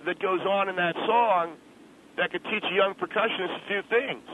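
A man's voice: high-pitched, normal speed. A man calling in over the telephone, a rock drummer talking casually and getting defensive, full of slang. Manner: laid-back, defensive, slangy, says "man" and "dude". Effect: heard over a telephone line. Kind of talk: casual on-air phone chat. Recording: noisy narrow phone line.

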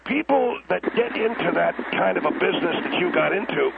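A man talk radio host heard over a crackly cordless phone line, needling his guest in halting, restarting speech. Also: high-pitched, animated, creaky. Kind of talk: on-air radio banter.

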